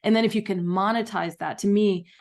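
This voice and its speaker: A woman author, a guest on a podcast, speaking in an enthusiastic, storytelling manner. She has an even, middle pitch, so her voice is neither high nor low. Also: fairly quick. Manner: enthusiastic, storytelling with acted quotes. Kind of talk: podcast interview.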